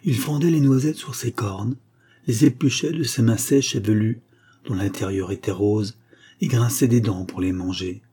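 Mellow husky male narrator reading a tale. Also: on the low side. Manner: measured, calm storytelling. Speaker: audiobook narrator.

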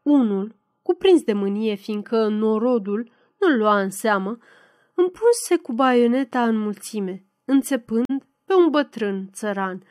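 A woman's voice: on the high side, no room sound. Woman narrating a novel, dry sound. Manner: dramatic reading, loud in quoted shouts. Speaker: audiobook narrator. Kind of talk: scripted audiobook narration.

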